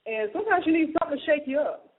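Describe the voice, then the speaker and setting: Man, radio host, high-pitched voice, casual interviewing, thin phone-band recording. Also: expressive, racing, phone-quality sound. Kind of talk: casual talk-show interviewing.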